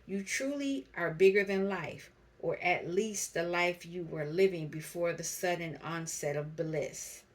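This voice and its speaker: A woman with a low voice gives a spiritual card reading straight to her camera. She talks slowly and reflectively and reads each card's meaning aloud in an even, gentle flow. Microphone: camera mic.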